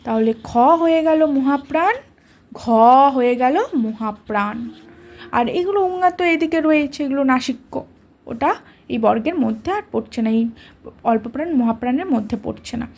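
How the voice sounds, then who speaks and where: Female teacher, high register, patient and repetitive, spells out each letter slowly and checks in with students. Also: expressive, darkish tone. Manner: patient, repeats letters slowly, asks "ঠিক আছে?". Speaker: grammar teacher. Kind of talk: explaining a lesson to students.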